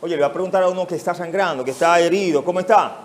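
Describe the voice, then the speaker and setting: Speaking rapid-fire in a slightly high voice, this Mexican Spanish-accented pastor preaches an expository sermon and fires rhetorical questions straight at the congregation.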